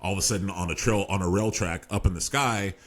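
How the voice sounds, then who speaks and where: Podcast host, male, very low voice, loose rambling recap style. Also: fast talker, a bit bright. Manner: rambling, lots of fillers and restarts. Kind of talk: casual book discussion.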